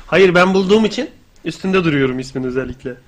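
A man's voice: fairly high pitch, expressive, quick pace, slight background noise. A man co-hosting a casual radio show, joking and swearing freely as he banters.

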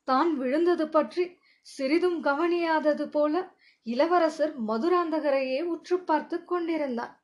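A woman narrating a historical novel in a measured, clear storytelling manner, on a dull lo-fi recording. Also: sits high. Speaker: audiobook narrator. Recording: dull lo-fi audio.

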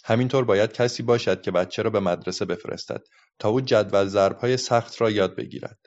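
A man reading a children's book aloud as a calm storyteller, in a dull lo-fi recording. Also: fairly low pitch.

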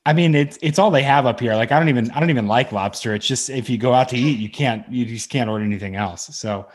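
A man's voice: medium pitch, fast. A man co-hosting a podcast, telling stories in a rambling, self-correcting way. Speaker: podcast co-host. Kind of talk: casual podcast chat.

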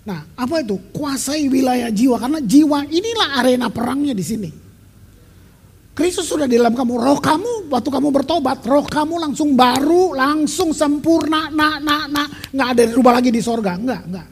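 Middle-aged man, pastor, emphatic conversational sermon, very husky voice, long hall reverb. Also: extremely high pitch, lively intonation, fairly quick. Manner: emphatic, conversational preaching with English phrases.

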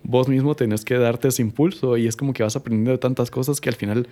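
A man's voice: mid-range voice, steady tone, quick pace, warm tone. A man chatting casually as a photographer guest, rambling with many fillers and quoted asides. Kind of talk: casual chat.

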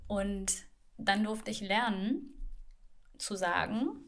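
A woman's voice: medium pitch, slow pace, slight background noise. A woman co-hosting a casual podcast about communication, speaking in a chatty way with frequent laughs and English phrases mixed in. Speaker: podcast co-host, coach.

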